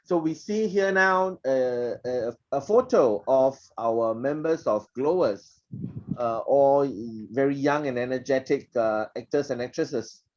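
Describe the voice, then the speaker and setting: A man moderating a panel discussion, introducing speakers and inviting them to share in a lively, encouraging way. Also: medium pitch, measured pace, highs cut off.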